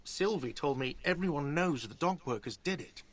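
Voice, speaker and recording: An actor playing an irritable, whiny café manager in a video game, impatient and dismissive. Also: male voice, fairly high pitch, expressive, normal speed. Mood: grudging.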